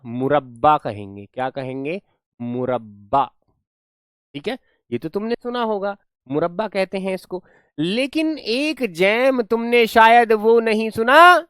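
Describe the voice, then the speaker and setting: A man's voice: a little high, fairly bright tone, clear, resonant tone, no echo, clean studio sound. A man teaching an online class, explaining words playfully, repeating his questions and praising his students.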